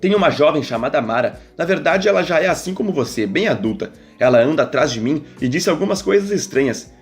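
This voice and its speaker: A man's voice: a little high, animated, fairly quick, faint music behind. A man reading aloud, voicing an innocent, earnest young man who talks firmly and a little confused. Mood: worried. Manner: earnest, firm.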